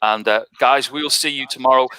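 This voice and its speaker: A man hosts a casual online interview show. He talks in an upbeat, chatty way and rattles through his sign-off. His tone is sharp and bright, at a medium pitch. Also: a little fast, clean tone, rough recording. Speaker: host.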